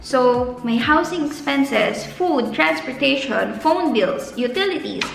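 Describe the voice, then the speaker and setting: A woman's voice: high-pitched, animated, slow, vocal fry. A young Filipino woman with a Filipino accent, a graduate student giving casual, earnest advice in a vlog and stretching words for emphasis. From Philippines. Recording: echoey room with faint music.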